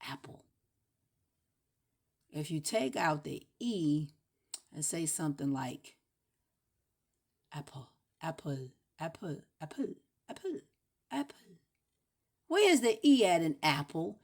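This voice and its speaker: Low-voiced woman ranting in a loose monologue. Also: big pitch swings, measured pace, vocal fry, long pauses. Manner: rambling, emphatic, repeats words to make a point; breaks into playful shouts and drops to a whisper. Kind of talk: casual spoken monologue.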